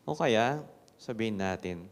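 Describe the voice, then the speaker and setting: Filipino priest in his forties, deep and slow, solemn in the reading and wry in the homily, caught in a big church's cathedral echo. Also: animated, a little hiss or hum. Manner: measured, solemn proclamation that turns to joking self-mockery in the homily. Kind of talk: proclaiming a gospel reading and preaching a homily. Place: large church. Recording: long echoey church reverb.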